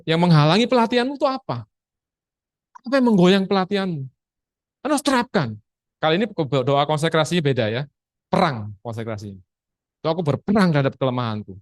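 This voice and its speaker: A man with an Indonesian accent teaching a church lesson on prayer over a video call, urging and acting out forceful commands. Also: fairly high pitch, lively intonation, a little fast, pauses often, dry recording, studio quality. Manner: exhorting, mixes English quotes into Indonesian, demonstrates commands loudly. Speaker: Bible teacher.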